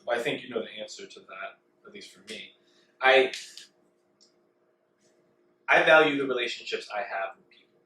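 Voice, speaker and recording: A man co-hosting a podcast, speaking in a measured, reflective way and often clearing his throat. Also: mid-range voice, animated, sharp tone, far from the mic, slight background noise. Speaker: podcast co-host. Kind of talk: casual chat. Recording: echoey room, off-mic with faint ambience.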